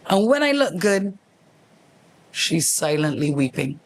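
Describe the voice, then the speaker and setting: A middle-aged man hosting his own show, telling stories in a lively, casual monologue and acting out the people in them. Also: on the high side, slow, slight background noise. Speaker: host, former radio host.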